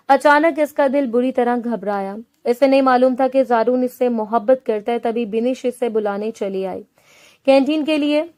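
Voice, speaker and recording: A woman narrating a romantic novel in a steady storytelling manner. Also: a little high. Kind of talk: scripted narration.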